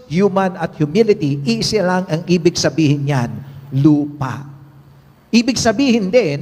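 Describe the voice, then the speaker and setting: A man with a high-pitched voice preaches a homily and keeps drawing in the congregation with quick tag questions. His voice carries a long reverb, as in a church. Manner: engages the congregation with frequent "right?" tags. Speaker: priest.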